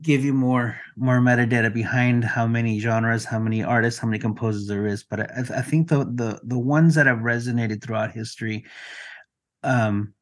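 A Mexican man, a native Spanish speaker, appears as a guest on a conversational podcast interview, talking earnestly and reflectively about his work digitizing music collections. His voice is medium-pitched with fairly even intonation at a normal speed.

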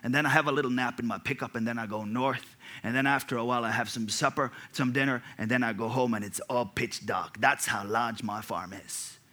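A boastful farmer drawls about the size of his land, slow and pleased with himself. His voice sits low and subdued, put on by a man telling a joke. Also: steady tone, sharp tone, lightly acted.

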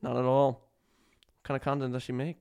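A man tells a story on a podcast, looping back on himself and stacking up fillers as he goes. There is a gravelly fry under his voice, and his tone is smooth and resonant, at a middle pitch. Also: flat delivery, normal speed, darkish tone. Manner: rambling storytelling, filled with "like" and restarts. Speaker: podcast guest, prank video maker. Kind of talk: casual podcast chat.

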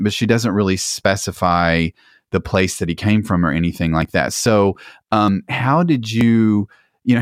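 A man's voice: lowish voice, no echo, clean studio sound. A man hosting a podcast interview, asking long, meandering questions in an enthusiastic, conversational way. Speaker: podcast host.

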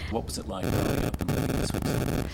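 A man hosting a podcast, reading a scripted introduction and then interviewing a guest in a measured, expressive way. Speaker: podcast host. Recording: intermittent digital static.

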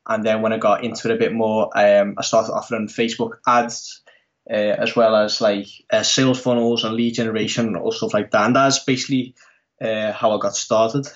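Young English-accented man, flat delivery. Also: lowish voice, brisk, highs cut off. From Netherlands. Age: 20s. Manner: rambling, many fillers and restarts. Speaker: podcast guest. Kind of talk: casual interview talk.

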